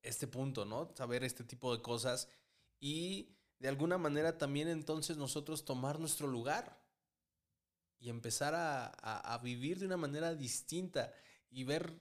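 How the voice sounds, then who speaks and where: A Mexican man hosting a casual podcast, talking at an easy, relaxed pace. He stumbles over and repeats words and often ends thoughts with a questioning tag. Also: medium pitch, unhurried. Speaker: podcast host.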